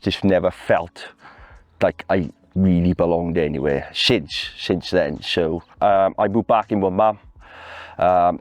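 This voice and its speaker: A man's voice: low-pitched, no echo. A man with a Welsh accent talking casually and candidly about himself, often tagging phrases with "you know" and "like". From Wales. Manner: conversational, with frequent "you know" and "like" tags. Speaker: van dweller being interviewed.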